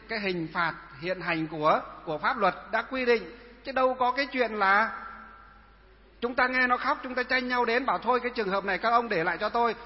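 A man, a Buddhist monk, giving a sermon who keeps asking rhetorical questions and answering them himself. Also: high voice. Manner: repetitive, asks and answers own questions. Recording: dull lo-fi sound with long reverb.

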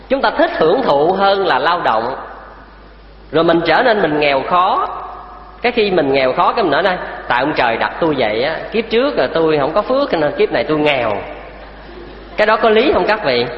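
A man delivers a Buddhist sermon in a high, animated voice that rises and falls with emphasis. He keeps turning to his listeners with rhetorical questions. The recording is dull and lo-fi, ringing in a roomy hall. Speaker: Buddhist preacher. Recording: echoey hall, dull lo-fi sound.

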